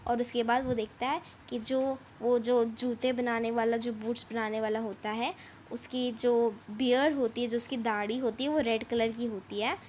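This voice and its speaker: Reading an English chapter slowly, a woman with a high, steady, slightly mellow voice then explains it at length in Hindi, going over points more than once. There's faint background noise.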